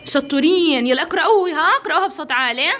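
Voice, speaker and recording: A young woman with a Levantine accent teaching small children in a classroom, cheering them on and slowly sounding out syllables. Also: sits high, animated, background noise. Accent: Levantine Arabic. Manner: encouraging, praises often, drawn-out sounding of syllables. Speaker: kindergarten teacher. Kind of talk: classroom phonics drill.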